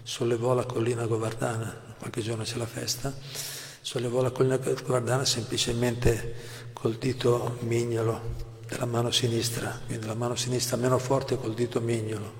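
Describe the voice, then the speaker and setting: Gravelly-voiced man lecturing in a hall. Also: medium pitch, level tone, normal speed, a little hiss or hum. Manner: explanatory, asks "no?" often; clears throat often. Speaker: religious teacher. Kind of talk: devotional lecture. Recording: long hall reverb.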